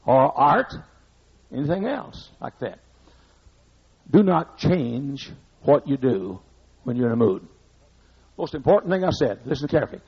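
A man's voice: mid-range voice, very animated, measured pace, long pauses, breathy edge. An older man preaching a sermon as pastor in a church, blunt and conversational, scolding the congregation with asides, on a muffled old recording. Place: church sanctuary.

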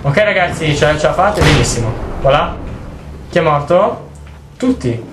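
A young man giving jokey, excitable let's play commentary while he plays, swearing often. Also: a little high, measured pace, music in the background. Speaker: gaming video host. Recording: roomy with faint noise.

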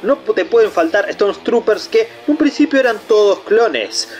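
A man's voice: high-pitched, animated, normal speed. A chatty, enthusiastic man with an Argentine Rioplatense accent, rambling through casual unboxing commentary as the channel host. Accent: Argentine Rioplatense Spanish.

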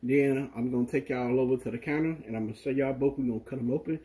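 A man's voice: mid-range voice, fast, poor audio. A man with a Southern US accent hosting a home cooking vlog, talking casually to viewers while he cooks at the stove. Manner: relaxed, talks straight to viewers.

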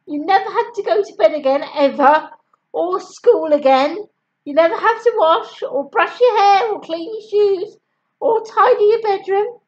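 A woman voicing a desperate mother who rushes through excited, high-pitched bribes to her daughter in a storybook reading. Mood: pleading. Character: frantic pleading mother bribing her daughter. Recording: dull lo-fi recording.

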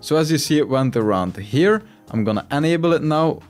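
A man's voice: on the high side, lively intonation, normal speed, faint music behind. A man demonstrating microphone settings live in a tutorial, talking casually and directly to the viewer. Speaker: tech tutorial creator.

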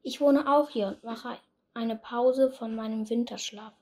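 A woman's voice: fairly high pitch, steady tone, a little slow, warm tone. A woman voicing a small, friendly squirrel in a storybook tale, talking lightly. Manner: light, whispery.

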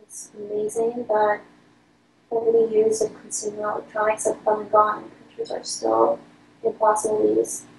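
A woman's voice: medium pitch, completely flat delivery, moderate pace, darkish tone. A woman co-commentating on a live stream who sounds like she is talking on a cell phone speakerphone, chatty and apologetic about her setup. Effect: sounds like a speakerphone on a cell phone, distant and hollow. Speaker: co-commentator on a card game stream. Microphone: faulty remote mic setup. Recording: roomy, far-off speakerphone sound.

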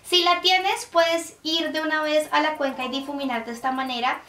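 A woman's voice: high-pitched, steady tone, moderate pace, sharp tone. A young woman hosting a casual makeup tutorial, chatty and explaining step by step with lots of diminutives. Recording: echoey room, a bit distant, faint music.

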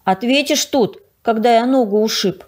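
A woman's voice: on the high side, moderate pace, voice pushed up, close to an everyday voice. A woman reading the part of a fussy, picky young boy who frightens easily, in a storybook read-aloud. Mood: whiny. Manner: fussy, complaining.

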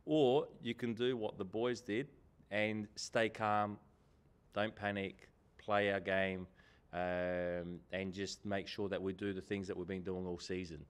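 A man, answering press conference questions as a head coach in an animated way, often repeating key phrases for emphasis, at a table microphone in an indoor press room. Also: low-pitched, a little slow, clear, resonant tone. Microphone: table microphone in front.

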